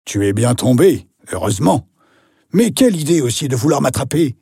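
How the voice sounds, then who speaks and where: A narrator voicing a big, good-natured male bison with a deep, booming voice. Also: big pitch swings, moderate pace, creaky, mellow, faint music behind. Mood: teasing.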